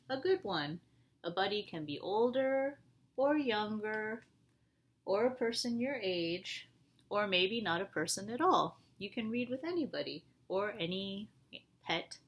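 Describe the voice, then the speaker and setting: Using a mid-range voice, a woman reads a picture book aloud to young children in an animated way. She frequently pauses to ask them questions.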